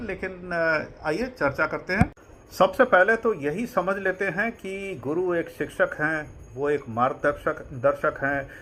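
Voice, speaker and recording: Male presenter, unhurried teaching talk, high lively voice, husky, mixes in English terms. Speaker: presenter explaining a religious tradition. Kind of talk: informal explanatory talk.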